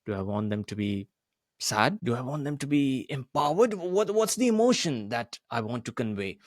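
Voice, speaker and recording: A man teaching a public speaking lesson, deliberately varying his pitch and volume to demonstrate his points. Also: lively intonation, no echo, clean studio sound. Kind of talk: voice coaching lesson.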